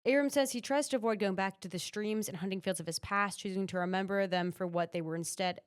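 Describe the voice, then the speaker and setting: A woman's voice: medium pitch, fast, clear, resonant tone. A woman in her twenties sharing farm news in a chatty, casual way with easy fillers. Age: 20s. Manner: chatty, laughs easily, lots of fillers. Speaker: newspaper reporter co-hosting a news rundown. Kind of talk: casual news rundown chat.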